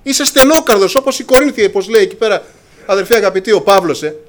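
High, animated male preacher. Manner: impassioned, addresses congregation as brothers, acts out dialogue. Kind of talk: sermon.

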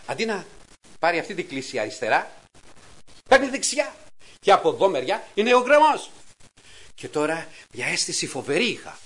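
A middle-aged man giving a testimony sermon to a congregation, telling a story with lively, acted-out dialogue and sudden raised exclamations. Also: fairly high pitch, pauses often, slightly rough, rough recording. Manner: animated storytelling, acts out quotes in a raised voice.

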